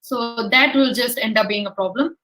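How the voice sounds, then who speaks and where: High-voiced woman giving advice. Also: normal speed, bright, forceful tone, rough recording. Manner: encouraging, gives advice in plain terms. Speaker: guest speaker. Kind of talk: answering audience questions on a webinar. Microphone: video call.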